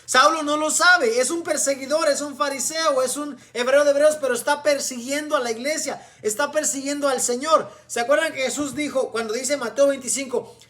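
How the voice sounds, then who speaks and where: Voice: high-pitched, fairly even intonation, a little fast, fairly bright tone. A preacher giving a sermon, reading Bible passages aloud and explaining them, often checking in with listeners by asking "¿verdad?". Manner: reads scripture aloud and explains it.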